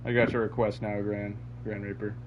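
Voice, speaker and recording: A man's voice: lowish voice, fairly quick. A man who is sick, chatting casually to his live stream viewers in a rambling way, with lots of fillers. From Canada. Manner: rambling, filler-heavy, talks to chat. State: sick, voice cracking. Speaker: livestreamer. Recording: dull lo-fi mic with steady hum.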